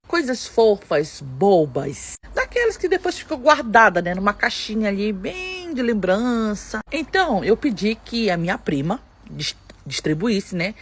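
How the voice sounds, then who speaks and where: A woman's voice: mid-range voice, husky. A woman with a Brazilian Portuguese accent telling a dramatic first-person story and often speaking straight to her listeners. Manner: animated, addresses listeners directly.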